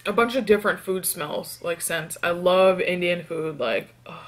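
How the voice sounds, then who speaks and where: A young woman from New York doing a casual eating vlog. She answers tag questions and hums between bites in a relaxed, chatty way. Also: fairly low pitch, normal speed. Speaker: mukbang vlogger.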